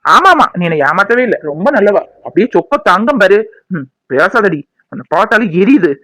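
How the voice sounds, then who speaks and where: A man's voice: high voice, very animated, a little fast, bright, forceful tone, no room sound, heavily acted, poor audio. A man voicing a jilted young man in a cartoon, bitter and accusing toward the woman who left him.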